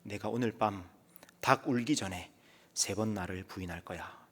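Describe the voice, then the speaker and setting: A man's voice: on the low side, normal speed, fairly bright tone, slightly rough, voice pushed down. A man voicing a stern male teacher who rebukes firmly and solemnly, in a reverberant church.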